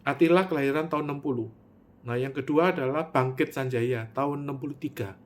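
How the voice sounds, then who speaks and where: A man delivering a spoken monologue, swinging from loud, high bursts to low, quiet asides. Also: a little fast. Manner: animated storytelling, with sudden loud pitch jumps and drops to near-mutter; Javanese words mixed in.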